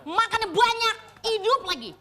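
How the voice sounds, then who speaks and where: A woman's voice: very high voice, expressive, normal speed, very noisy. A woman bantering comically as a co-host on a comedy show. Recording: loud studio crowd behind.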